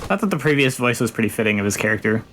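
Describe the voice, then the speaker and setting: A man's voice: mid-range voice, sing-song, rapid-fire, a bit bright, faint music behind. A man chatting casually over gameplay as a let's play co-host. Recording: game noise behind the voice. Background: video game sound.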